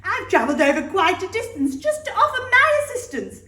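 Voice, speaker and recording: A woman's voice: very high-pitched, big pitch swings, a little fast, pushed and bright, heavily acted. A woman playing a peculiar little old magic man in a rhyming pantomime, coy and theatrical. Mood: coy, wheedling. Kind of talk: rhyming amateur pantomime acting. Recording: echoey room, distant microphone.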